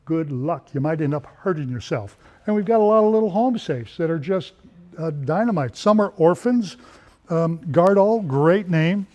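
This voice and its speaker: Chatty, mellow-voiced man selling safes. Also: lively intonation, normal speed. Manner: chatty, enthusiastic salesman pitch. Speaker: safe dealer. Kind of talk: casual sales walk-through.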